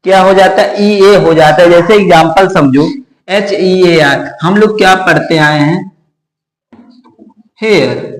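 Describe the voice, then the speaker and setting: A man teaching English pronunciation, spelling words out letter by letter and answering his own rhetorical questions. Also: sits high. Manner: slow, repetitive explaining. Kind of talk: classroom-style lesson. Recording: echoey room.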